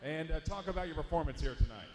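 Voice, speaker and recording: A man working as cage announcer, calling out the winner in a booming, drawn-out voice and then interviewing the fighter. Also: animated, reverberant, noisy background. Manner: booming announcer delivery, stretching out names.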